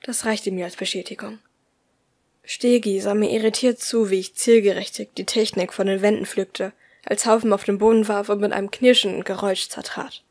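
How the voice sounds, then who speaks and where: A woman reading a first-person audiobook aloud in a soft, often hushed voice. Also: mid-range voice, fairly even intonation, normal speed. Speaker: audiobook reader.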